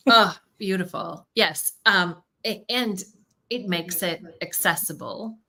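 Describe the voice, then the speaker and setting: A woman's voice: on the low side, sharp tone. A woman hosting a live podcast interview, enthusiastic and playful, asking open questions. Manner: enthusiastic, playful, quick exclamations. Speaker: podcast host.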